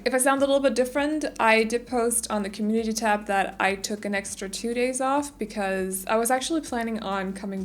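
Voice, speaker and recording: A woman, a bit stuffy after losing her voice, chatting casually and rambling through a voice-over for a game build. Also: on the high side. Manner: chatty, rambling, many fillers. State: stuffy, recovering from lost voice. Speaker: Sims speed build YouTuber.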